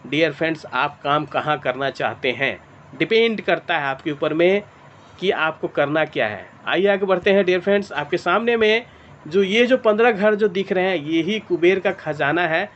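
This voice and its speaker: High-voiced man pitching a plan. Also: moderate pace, fairly bright tone. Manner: pitching, repeats "dear friends", walks through figures step by step. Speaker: presenter of an online business meeting. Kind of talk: sales presentation over a video meeting. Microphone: clip-on mic. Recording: dull lo-fi call audio with faint noise.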